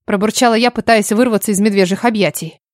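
A woman's voice: mid-range voice, fast, dry recording, studio quality. A woman narrating a first-person audiobook and speaking the heroine's lines with expression. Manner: expressive, indignant in dialogue.

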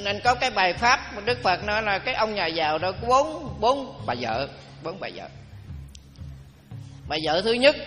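An older male Buddhist monk gives a dharma talk, telling stories in a folksy, humorous way. His voice is high, pushed and bright, ringing with long hall reverb while faint music plays behind him.

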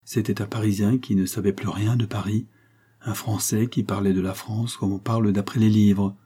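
A man narrating a classic novel in a measured, storytelling delivery. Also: on the low side, level tone, mellow, breathy edge. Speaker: audiobook narrator.

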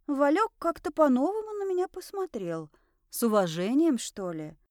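A woman reading a first-person audiobook in a lively, wry, expressive way. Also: sits high, normal speed, dry recording, studio quality. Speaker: audiobook narrator.

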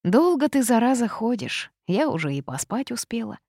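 A woman's voice: fairly high pitch, big pitch swings, normal speed, darkish tone, no echo, studio quality, voice pushed up. A woman voicing a cheeky, grumbling female harpy who teases, in an audiobook. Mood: teasing. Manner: cheeky, teasing.

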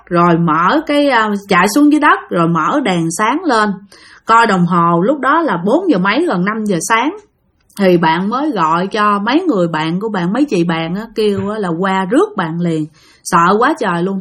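A woman's voice: mid-range voice, fairly bright tone, slightly rough. A woman with a Southern Vietnamese accent, a channel host retelling listeners' stories in a chatty way that speaks straight to her audience. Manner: chatty, addresses listeners directly. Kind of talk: casual storytelling narration.

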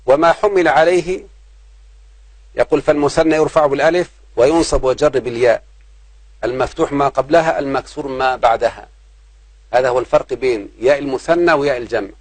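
A male teacher with a lilt works through a grammar lesson, repeating each key point and asking the class questions before he answers them. His voice sits at an ordinary pitch for a man. The recording is close and dry, with no room echo. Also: slightly rough. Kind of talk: grammar lesson explaining a text.

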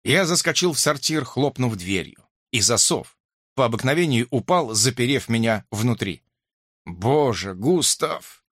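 A man narrating an audiobook in a wry, expressive storytelling manner. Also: medium pitch, normal speed, no room sound, clean studio sound.

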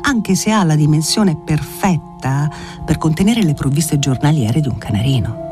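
A man's voice: a little high, expressive, moderate pace, over music, close to an everyday voice. A man reading an audiobook voices an awkward, kindly older guardian who fusses gallantly with dry humour. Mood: fussing.

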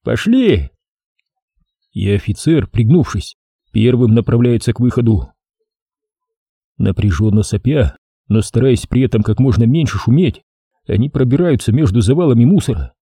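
A man reading a war story aloud as an audiobook narrator, steady and expressive. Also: medium pitch, normal speed, slightly rough, dry recording, studio quality. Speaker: audiobook reader.

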